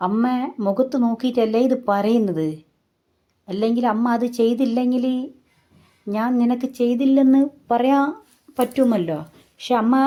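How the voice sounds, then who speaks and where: A woman, calmly recounting a family story in a reflective way. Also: on the high side. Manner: calm, reflective narrating.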